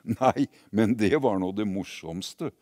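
In a story, a man voices a crowd of amused grown-ups gazing at a shop window, exclaiming and chattering with amazement and a bit of scepticism. His voice is on the low side and warm, natural, recorded cleanly in a studio with no echo.

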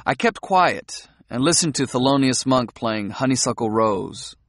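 A man narrating a novel in a calm, measured first-person audiobook reading. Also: medium pitch, dry recording, studio quality.

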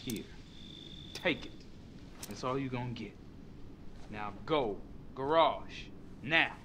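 An actor voicing a gruff small-town police deputy in a video game, curt and commanding. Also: male voice, medium pitch, pushed and bright, a little hiss or hum, lightly acted.

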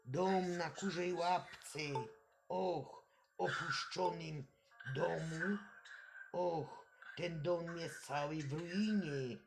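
A man's voice: on the high side, very slow, gravelly, loud music behind the voice. A man giving dramatic, theatrical commentary over a horror game, gasping and asking rhetorical questions. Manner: theatrical, exclamatory, full of gasps and rhetorical questions. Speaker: gameplay commentator.

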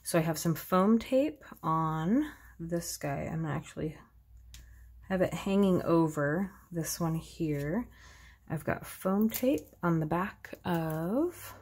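A woman narrating a casual card-making tutorial in a relaxed, chatty way with self-deprecating asides. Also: on the low side, slow pace, slightly rough. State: sneezing, slightly congested.

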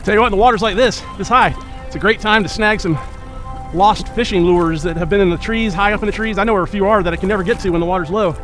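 A man narrating casually from his kayak on a flooded river, explaining paddling tips in a relaxed way, recorded outdoors on a boat-mounted action camera. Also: sits high, fast. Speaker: kayaking vlogger. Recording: loud ambient music under the voice.

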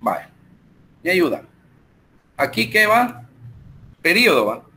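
A male teacher with a Salvadoran Spanish accent, speaking in a somewhat high voice at a slow, unhurried pace. He talks his students through numbers and a spreadsheet in an online lesson. He often pauses on fillers as he works. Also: big pitch swings. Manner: talks slowly while working through numbers and software, with many fillers. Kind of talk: online math lecture.

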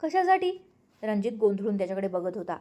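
A woman's voice: mid-range voice, brisk. Woman narrating a storybook. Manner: steady storytelling reading. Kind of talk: scripted narration.

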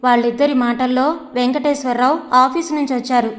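Woman storyteller, high voice, long hall reverb, even measured reading. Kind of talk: reading a novel aloud.

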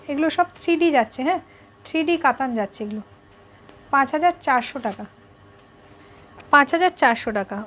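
A boutique owner runs a live sari sales stream, chatting with viewers, answering them directly and repeating prices again and again. She has a high voice, with slight background noise.

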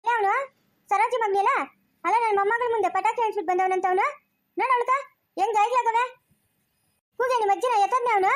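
A woman with a rural Chikkaballapur Kannada accent acting a sharp-tongued old village grandmother in a comic family skit, quarrelling and scolding in a fast, quarrelsome manner. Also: very high voice, fairly even intonation. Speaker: skit actor.

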